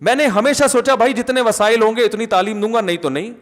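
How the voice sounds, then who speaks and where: A middle-aged male cleric delivers a sermon in a high voice, mixing humor with fervent emphasis. He mimics the people he quotes in the manner of a storyteller. His words trail off into long reverberation in a large hall. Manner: emphatic oaths, rising fervor. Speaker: Islamic cleric.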